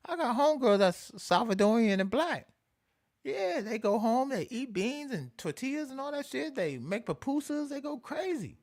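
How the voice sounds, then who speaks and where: Man ranting with big pitch swings. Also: big pitch swings, moderate pace, darkish tone. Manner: repetitive, profane, emphatic, mocking. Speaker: show host. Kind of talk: animated commentary rant.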